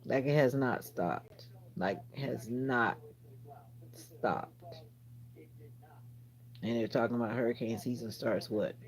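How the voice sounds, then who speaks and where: Gravelly woman chatting on a livestream. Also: extremely low pitch, slow pace, pauses often. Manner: chatty, talks straight to viewers, rambling asides. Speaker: livestream host. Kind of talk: casual livestream chat reading comments.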